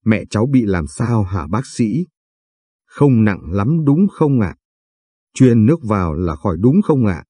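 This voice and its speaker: Pleading tearful young daughter, read by a man, dark husky voice, dry sound. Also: lowish voice, sing-song, measured pace, dry recording, heavily acted.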